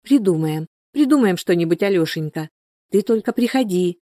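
A woman's voice: lowish voice, animated, normal speed, mellow, no room sound, studio quality. A woman reading the part of a hot-tempered village wife and mother who scolds sharply. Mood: pleading.

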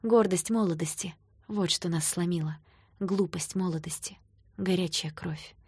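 A woman narrating a first-person novel with an expressive, emotional reading. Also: on the low side, moderate pace, slightly rough, dry recording, studio quality. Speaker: audiobook narrator.

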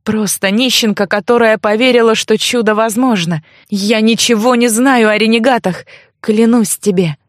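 A woman's voice: on the high side, fairly even intonation, normal speed, no room sound, studio quality, natural voice. A woman voicing a frightened young orphan girl who pleads in a trembling voice.

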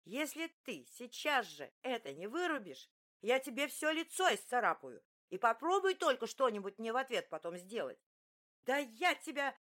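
A woman voicing a hot-tempered young heroine who screeches with shrill indignation. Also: sing-song, moderate pace, fairly bright tone. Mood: furious, screeching.

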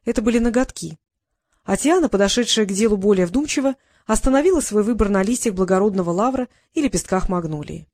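A woman narrating an audiobook in a measured storytelling manner, close to the mic. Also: medium pitch, expressive, a little mellow, no echo. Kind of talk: scripted narration.

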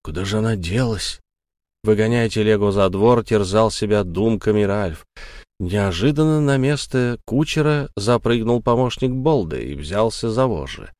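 A man narrating a dark story in a steady, measured audiobook style. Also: on the low side, no room sound, clean studio sound.

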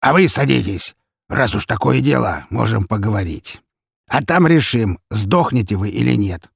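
A male audiobook reader voicing a crude, threatening heavyset male gang boss with a raised, loud, husky voice. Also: on the low side, expressive, normal speed, no room sound, clean studio sound, heavily acted. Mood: menacing.

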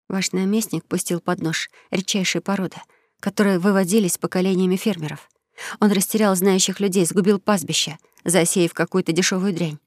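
Reader plays a sly storybook countess: indignant, quick to hiss, crisp dry recording. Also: medium pitch, no room sound, close to an everyday voice. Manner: indignant outbursts, then hushed hissing. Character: young countess, fiery and sly. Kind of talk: audiobook character voice.

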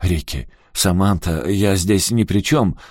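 A man's voice: sits low, darkish tone, dry recording, studio quality. A man reading an audiobook and voicing a bewildered, anxious middle-aged man. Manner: bewildered, plaintive, slow.

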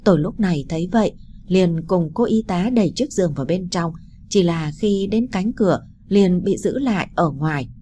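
A woman tells a first-person story in a mellow, low voice. She gets emotional and lifts her pitch for the spoken lines. A faint noise sits under the recording. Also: lively intonation, normal speed. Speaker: narrator.

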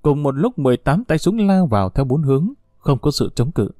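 A man reading a war novel aloud as an audiobook narrator, with expressive, dramatic delivery. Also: fairly high pitch, a little fast, dry recording, studio quality.

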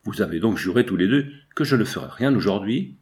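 Stern working painter, read by a man, low-voiced, firm and scolding. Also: expressive, brisk, darkish tone, close to an everyday voice. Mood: impatient. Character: stern, busy male painter, gruff.

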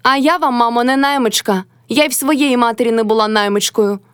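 A quarrelsome young peasant wife with a sharp, mocking tongue, put on by a woman reading the tale. Her voice sits high and cutting, recorded dry and close with no room around it. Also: a little fast, clear, resonant tone, dry recording, close to an everyday voice.

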